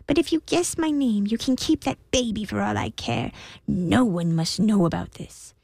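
A woman reading a storybook aloud and voicing a sly, spiteful little male imp with slow, drawn-out, mocking lines. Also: mid-range voice, sing-song, darkish tone, husky, no echo, pitched above the performer's own voice. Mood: taunting.

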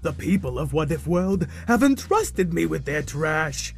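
A man's voice: on the high side, sing-song, unhurried, gravelly, faint music behind, exaggerated voice. A man voicing a worried giant crocodilian monster in a storybook tale. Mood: fretful. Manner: worried, pleading. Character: fretful giant crocodilian trash-eating monster, male.

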